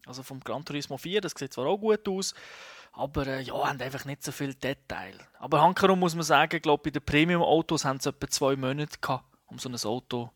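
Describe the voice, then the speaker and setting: A man's voice: fairly high pitch, fairly quick, no echo, clean studio sound. A man with a Swiss German accent, hosting a casual podcast and steering the talk with questions. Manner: leads the talk, asks questions. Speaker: podcast host.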